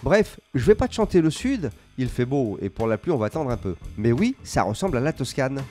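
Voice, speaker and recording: A man narrating his road trip in voice-over, relaxed and reflective, with wry remarks aimed straight at the viewer. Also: medium pitch, fairly quick, music in the background. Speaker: motorcycle vlogger.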